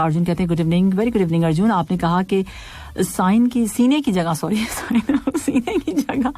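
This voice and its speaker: A woman's voice: medium pitch, warm tone, no echo. A woman hosting an evening radio show, chatting casually, reading listener messages and poetry, and laughing often.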